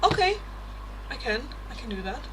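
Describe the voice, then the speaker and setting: A young Dutch woman from the Netherlands hosts a tarot livestream, chatting casually in a high, sing-song voice at a moderate pace with a Dutch accent. She reads oracle card text aloud, laughs often and swears casually. There's heavy background noise.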